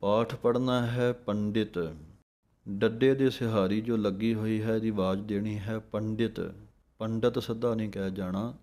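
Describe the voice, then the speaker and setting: A man teaching scripture recitation, chanting verses slowly and drawn out, then explaining how each word should be pronounced. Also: fairly low pitch, flat delivery, darkish tone. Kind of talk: slow recitation lesson with pronunciation notes.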